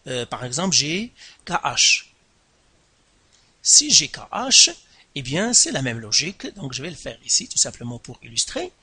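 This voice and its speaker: His lively, slightly husky, bright voice carries a classroom lesson explained at the board. The science teacher speaks deliberately and slowly, repeating terms, stressing syllables and making big pitch jumps, and the recording is dry and close with no room sound.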